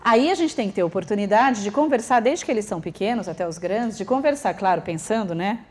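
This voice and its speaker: A woman's voice: medium pitch, fast. A woman lecturing teachers and parents, acting out what children and adults say. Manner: lively, acts out quoted children and adults.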